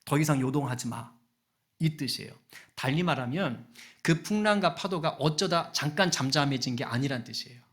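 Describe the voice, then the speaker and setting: A middle-aged pastor preaching a sermon in an earnest way, often putting questions to the congregation. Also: male voice, on the high side, a bit bright.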